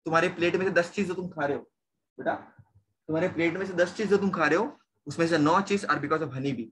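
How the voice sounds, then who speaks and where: A man's voice: on the high side, brisk, a bit bright, slight background noise. A young man teaching a science class, repeating questions to his students and mixing in English terms. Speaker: science tutor. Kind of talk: online class lecture.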